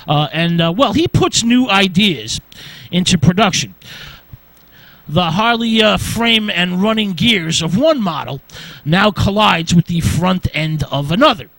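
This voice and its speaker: A radio host with a high-pitched, slightly bright voice gives an informal history lecture, working through his notes in short phrases and often stopping to say "uh." The low-quality recording is close and dry, with very little room sound.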